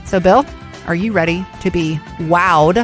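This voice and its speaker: Low-voiced female radio co-host. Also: a little slow, faint music behind. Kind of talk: radio interview.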